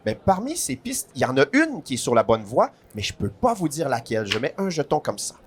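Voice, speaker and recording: A man's voice: mid-range voice, huge pitch swings, brisk. A man at a game festival stand, patiently walking someone through the rules of a board game step by step, with the odd dry joke. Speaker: board game publisher guest.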